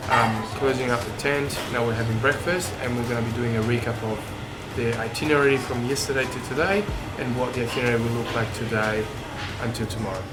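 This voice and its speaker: Italian-born man, roomy sound, loud music. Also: medium pitch, steady tone, fast talker. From Italy. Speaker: interview guest, tour business owner. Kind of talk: casual interview answers.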